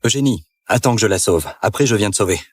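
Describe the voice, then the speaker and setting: An actor voicing a protective young husband in a dubbed drama, speaking with calm, soothing reassurance. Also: male voice, fairly low pitch, fast, no echo. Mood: urgent.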